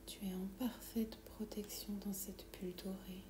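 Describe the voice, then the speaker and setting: Slow, soothing directions come in a breathy whisper from a woman leading a guided meditation, her ASMR-style delivery feeling close to the ear. Low rumbling noise and a roomy echo sit in the background of the recording.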